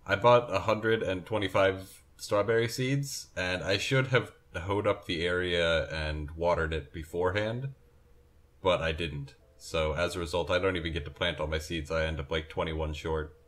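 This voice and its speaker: Sleepy young man, deep voice. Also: moderate pace, fairly bright tone. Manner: rambling, self-correcting, yawning. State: sleepy, yawning. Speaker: gameplay commentator. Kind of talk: casual game commentary.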